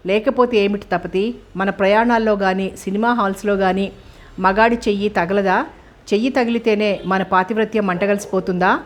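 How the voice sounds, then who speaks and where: Woman reader doing a bold, outspoken young college woman: frank, lecturing, mildly impatient, mid-pitched voice. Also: fairly even intonation, normal speed, lightly acted.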